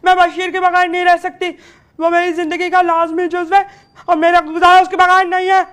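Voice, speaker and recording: A woman's voice: extremely high pitch, little pitch movement, a little fast, a bit bright. A young woman plays a defiant daughter arguing back in a comedy drama. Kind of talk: scripted comedy drama dialogue.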